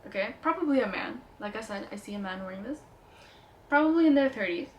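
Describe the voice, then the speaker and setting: Fast-talking and lively in a medium-pitched voice, a young woman with a light Indian accent reviews perfumes for her beauty vlog. The audio is dull with a little hiss or hum, but her chat stays playful and enthusiastic.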